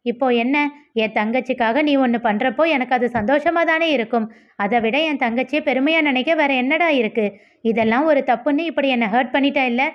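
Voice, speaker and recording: A woman's voice: fairly high pitch, brisk, muffled recording, lightly acted. A woman voicing a young man who is emotional and hurt, speaking tearfully and reproachfully to his friend. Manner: tearful, pleading, then reproachful.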